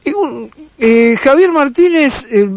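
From an Argentine radio studio, a middle-aged host speaking Rioplatense Spanish muses casually and hesitates often. His very high voice is expressive and slow, recorded dry.

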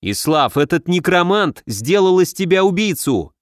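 A man voicing a stern heroic warrior who speaks in a low, firm, weighty way in an audiobook. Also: very animated, moderate pace, no room sound, studio quality. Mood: grave firm. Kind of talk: audiobook narration.

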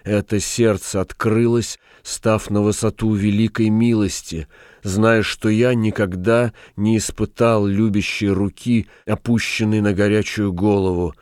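A feverish prisoner on his last night, played by a man reading aloud, slow and hushed as if half in a dream. The voice stays deep and low. The sound is dry and close. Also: fairly even intonation, no room sound, natural voice. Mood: delirious. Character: condemned young man, feverish, delirious, tender.

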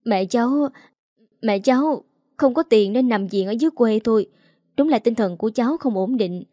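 A tearful young model voiced by a woman, stammering out excuses and begging in a slightly raised, quickening voice. The tone is mellow and the recording dry. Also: on the high side, no room sound, lightly acted. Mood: pleading tearful. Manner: sobbing, pleading, stammering. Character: young female model, tearful, pleading, evasive.

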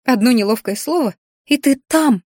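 Woman voicing a fussy hoofed governess creature, storybook figure, high fretful voice, gushing, dry close sound. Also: expressive, normal speed, darkish tone, dry recording. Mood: scandalized. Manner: gushing, shrill and dramatic.

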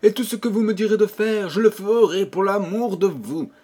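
A man's voice: sits high, normal speed, warm tone, breathy edge, pitched above the performer's own voice. A man reading a storybook aloud, voicing Pierrot, a naive and devoted young man who answers earnestly and fervently.

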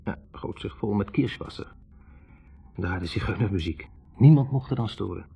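In a conversational 1960s radio play monologue, an actor plays a young physics student hesitantly recalling a troubled love with wry reflection, often correcting himself. His fairly low, warm voice has vocal fry and a breathy edge, moves at a moderate pace, and is exaggerated, with soft music behind it. The old radio recording sounds muffled.

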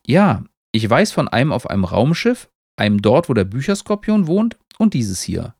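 A man's voice: medium pitch, big pitch swings, normal speed, darkish tone, no room sound, studio quality, voice pushed up. A man voicing a thoughtful, cautious little beetle in a story reading. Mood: explaining. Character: small male crocheted beetle, thoughtful, cautious.

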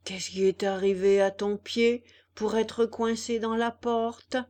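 Woman doing a slow, placid old snail. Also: mid-range voice, flat delivery, a little mellow, natural voice. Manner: drawn-out, unhurried, placid. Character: slow unhurried female snail, calm and kindly.

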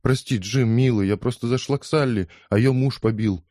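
A man voicing a gentle, timid young woman who pleads softly in an audiobook. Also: mid-range voice, moderate pace, no echo, clean studio sound, voice pushed up, natural voice. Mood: pleading. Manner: soft, pleading.

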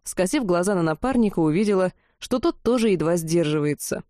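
A woman narrating a first-person fantasy audiobook in a lively, amused storytelling manner. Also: fairly low pitch, brisk, dry recording, studio quality.

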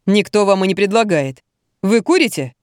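A brisk young male healer, read by a woman who rattles off instructions. The delivery moves lively in pitch and sounds dry and close. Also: clear, resonant tone, no echo, natural voice. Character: young man, brisk home doctor. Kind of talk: audiobook reading.

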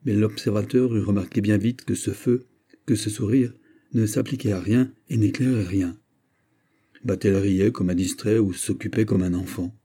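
Husky, dark-voiced male narrator. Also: fairly low pitch, fairly even intonation, normal speed. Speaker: audiobook reader. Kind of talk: scripted narration of a classic novel.

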